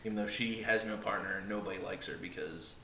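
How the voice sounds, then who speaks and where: Podcast co-host, male, bright forceful voice, blunt and sarcastic, echoey room. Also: fairly low pitch, fairly even intonation, quick pace. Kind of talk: casual wrestling review chat. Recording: echoey room with faint noise.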